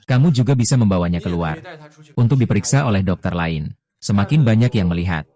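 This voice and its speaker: A man reading all the parts of a dubbed drama in a flat, unhurried way. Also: fairly low pitch.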